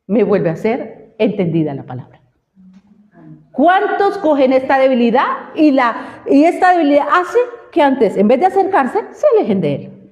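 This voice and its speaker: A woman's voice: high-pitched, darkish tone. A woman preacher delivering a fervent sermon and putting questions to her congregation. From Colombia. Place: church hall. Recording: reverberant hall, dull lo-fi sound.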